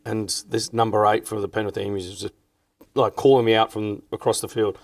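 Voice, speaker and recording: A man hosting a casual podcast, trading quick, laughing banter and stories. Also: lowish voice, flat delivery, darkish tone, recorded from a distance. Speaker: podcast host. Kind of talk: casual chat.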